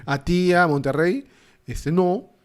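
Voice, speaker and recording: A middle-aged man with a Peruvian Spanish accent, co-hosting a casual chat and reminiscing in a relaxed way. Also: fairly high pitch, takes it slowly. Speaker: podcast co-host.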